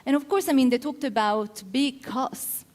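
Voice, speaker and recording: In a large conference hall with long reverb, a middle-aged Italian woman delivers a talk in her Italian accent, often saying um as she explains her points. Her voice is high and a little mellow, at normal speed.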